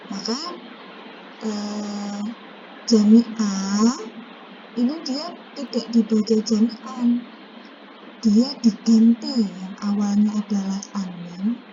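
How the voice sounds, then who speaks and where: Slow, patient woman teacher, lo-fi noisy recording. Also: a little high. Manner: patient, explains step by step, recites verses slowly. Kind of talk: recorded tajwid lesson. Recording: dull lo-fi recording with background noise.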